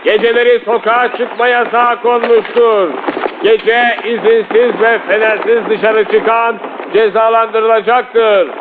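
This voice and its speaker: A man playing a town crier in a period film, making formal, drawn-out proclamations of military orders. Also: sits high, little pitch movement. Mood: proclaiming, stern. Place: outdoor market streets. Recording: tinny old film soundtrack.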